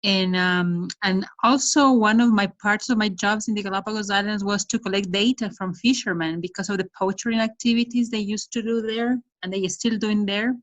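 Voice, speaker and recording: A woman's voice: mid-range voice, fairly even intonation, normal speed, few pauses, lo-fi sound. A middle-aged woman from Ecuador, a guest on a video call from her home, explaining her work steadily with hesitant fillers. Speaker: guest, development project manager. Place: indoor room at home. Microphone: laptop webcam on video call.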